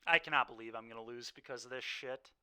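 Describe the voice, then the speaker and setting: A man's voice: mid-range voice, fast talker, sharp tone, clear, resonant tone. A young man streaming a card game, venting his frustration and sighing between remarks to chat.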